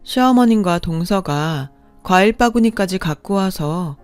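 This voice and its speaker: A woman's voice: fairly low pitch, animated, unhurried, no echo. A young woman narrating a radio drama story in a wistful, confiding first-person way. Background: faint music.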